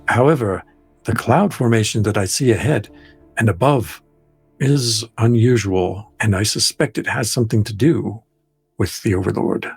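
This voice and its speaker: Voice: medium pitch, a little mellow, husky. A man voicing a timid, wary male underworld guide creature in a tabletop game, with anxious, formal old-fashioned speech.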